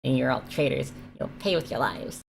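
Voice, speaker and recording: A woman's voice: a bass voice, moderate pace, creaky, exaggerated voice, low-quality recording. A woman voicing a bitter, ambitious usurper king from a video game, speaking in grandiose, self-righteous declarations. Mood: defiant, cursing. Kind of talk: reading video game dialogue aloud. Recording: faint background noise.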